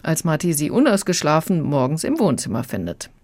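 A woman critic reviewing a children's audiobook on the radio, speaking calmly and reflectively. Her voice sits very low. The recording is close and dry. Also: fairly quick, dry recording. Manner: calm, reflective, laughs lightly. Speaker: book critic.

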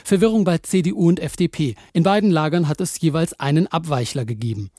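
A man's voice: on the high side, quick pace, dark tone, no room sound, clean studio sound. A male radio reporter narrating a feature in a tense, dramatic way.

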